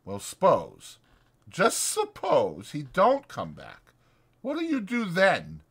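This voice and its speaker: A full character voice: high-pitched, slow, gravelly and husky, set above the performer's real voice. The man is playing a lonely, bitter, needling stable hand for a dramatized audiobook. Folksy, taunting and insistent, the character keeps getting swept up in excited speeches.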